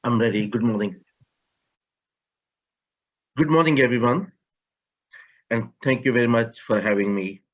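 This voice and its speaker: A man presenting to an online forum in a steady, deliberate way, with the odd turn of phrase. His voice sits in the middle range. The call audio is somewhat muffled. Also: mid-range voice. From Pakistan. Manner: measured, slightly non-native grammar. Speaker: community project coordinator. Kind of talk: prepared talk. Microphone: video call.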